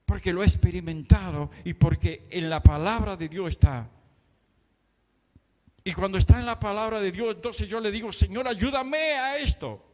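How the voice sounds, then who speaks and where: Argentine preacher, high and echoing. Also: male voice, moderate pace, dark tone. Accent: Argentine Spanish. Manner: impassioned, emotional preaching with prayers spoken aloud. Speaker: pastor. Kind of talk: sermon. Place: church.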